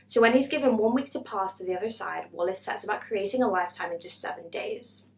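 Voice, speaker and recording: A woman's voice: mid-range voice, quick pace, creaky, a little hiss or hum. Bubbly young woman, echoey room. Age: 20s. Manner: bubbly and chatty, self-mocking. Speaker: booktuber. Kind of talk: casual book haul vlog.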